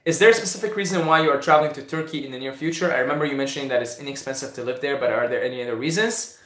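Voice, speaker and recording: In an echoey room, a Syrian-born man hosts a casual live Q&A, racing through answers to viewer questions with many fillers, restarts and repeated words. His voice is mid-range with a fairly bright tone.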